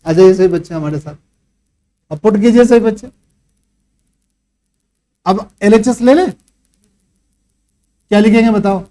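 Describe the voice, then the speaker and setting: A man's voice: high voice, warm tone. A male math teacher lecturing a class, quizzing students and lecturing them sternly on working hard at home. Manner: scolds and quizzes students, rhetorical questions. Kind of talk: classroom lecture with a pep talk.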